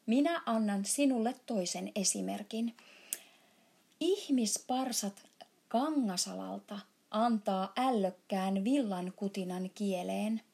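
A woman voicing a big, friendly, muddled male giant who mangles his grammar and shouts now and then in a storybook reading. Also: gravelly, breathy edge. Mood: booming muddled. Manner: jumbled grammar, booming shouts.

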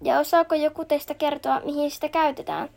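Woman reading as kind bear doctor from a picture book, gentle and patient, high voice with some fry. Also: steady tone. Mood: friendly.

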